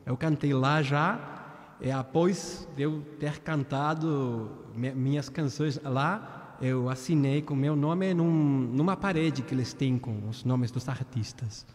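Slow-paced and medium-pitched, a little mellow, a thirtysomething man with an Argentine Spanish accent chats with live-stream viewers between songs. He gropes for words as he moves between Spanish and Portuguese, his voice carrying long reverb in a small indoor room behind a virtual beach backdrop.

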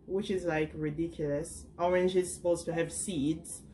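A woman's voice: lowish voice, steady tone, normal speed, warm tone, slight background noise. A woman in her thirties, a mother, chatting and giving step-by-step cooking instructions in a home kitchen to a camera on the counter.

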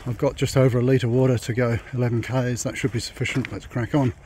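Speaking quickly in a level, slightly mellow medium-pitched voice, a man walks a long pilgrimage route and vlogs casually, mulling over his plans aloud as he goes. The setting is a rural dirt track outdoors, and the walking recording is noisy with rural background sound.

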